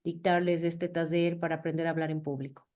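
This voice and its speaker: Expressive woman teaching public speaking. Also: fairly quick. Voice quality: high voice. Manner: expressive, often shifts pitch and pace to demonstrate. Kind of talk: virtual workshop talk.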